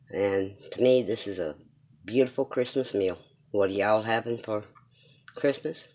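Man, Southern US accent, low voice, casual home cooking vlog chat, muffled lo-fi audio. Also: darkish tone. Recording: dull lo-fi sound.

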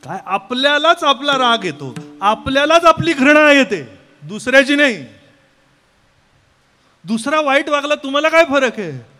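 A man giving a devotional kirtan sermon, with rhetorical questions and sudden swings from soft to loud. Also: extremely high pitch, big pitch swings, normal speed, faint music behind. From Mumbai, India. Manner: rhetorical, keeps asking "kay", swings between soft and loud. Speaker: kirtan preacher.

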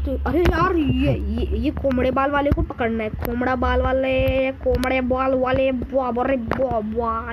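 A man voicing an excitable male cartoon cat who chatters through gameplay commentary, boastful and calling everyone brother. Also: extremely high pitch, poor audio. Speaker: gaming video host.

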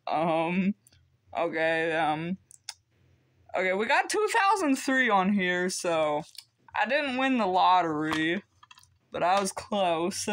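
Teen guy rambling slowly thru an unboxing, lots of ums, at home. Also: high voice, lively intonation, fairly bright tone, a little hiss or hum. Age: teens. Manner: rambling, hesitant, many ums. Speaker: vlogger. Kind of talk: casual unboxing chat.

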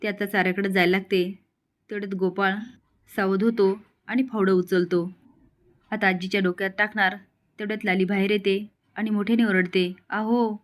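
A woman's voice: mid-range voice, flat delivery, moderate pace, pauses often. A woman storyteller retelling a TV serial's plot in plain, running narration.

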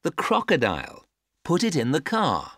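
A actress as a patient instructor with a very low voice and hugely varied intonation. She speaks careful, stilted textbook dialogue in a dry studio sound. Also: wildly swooping pitch, moderate pace, a bit bright, dry recording, full character voice. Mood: patient, instructive. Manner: careful, over-clear instructing. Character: patient adult giving simple picture instructions.

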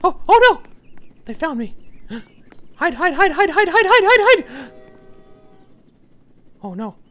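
A man voicing a small, excitable cartoon mouse in a squeaky falsetto, commentating on a video game in character. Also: slow pace, heavily acted. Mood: panicked. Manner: excitable, exclaiming, panics easily.

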